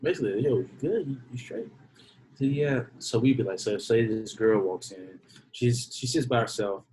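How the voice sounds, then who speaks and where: A man in his twenties, a podcast guest in casual chat, laid-back and slangy and quick to poke fun at himself. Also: mid-range voice, a little mellow, slight background noise, rough recording. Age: 20s.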